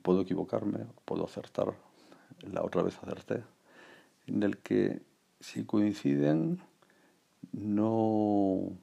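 Gravelly low-voiced man around sixty. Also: takes it slowly, pauses often, dark tone, lo-fi sound. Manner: rambling, reflective, many fillers and restarts. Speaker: podcast host. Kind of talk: casual personal monologue.

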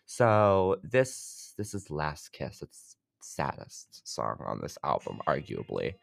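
Low-voiced young man hosting a chatty podcast. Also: huge pitch swings, slow, creaky. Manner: loose and chatty, lots of fillers. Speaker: podcast host. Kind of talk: casual music review chat.

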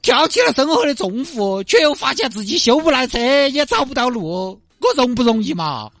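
A man voicing a whiny, self-pitying woman truck driver who is stranded on the highway in a comedy skit. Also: sing-song, moderate pace, fairly bright tone, no room sound, studio quality, heavily acted. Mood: whiny, tearful. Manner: whiny, self-pitying wailing and dramatic complaints. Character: weepy, helpless woman trucker, middle-aged.

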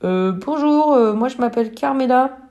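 A woman voicing a small, brave young hen in a storybook reading, with high, excited squeals. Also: normal speed, dull audio. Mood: flustered.

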